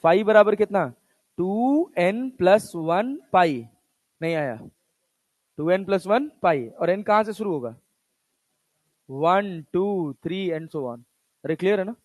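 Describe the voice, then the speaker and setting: A male physics teacher lectures slowly with long pauses, his high, darkish voice full of lively intonation, and there's no echo. Speaking casual Hindi with English terms, he asks his students questions and answers them himself.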